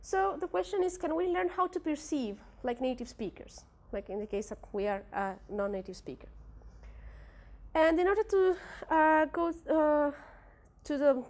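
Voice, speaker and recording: A young native Spanish speaker from a Spanish-speaking country presents research at a workshop in a high, very animated voice with a darkish tone and moderate pace. She has a Spanish accent and fills the academic presentation with many fillers and restarts.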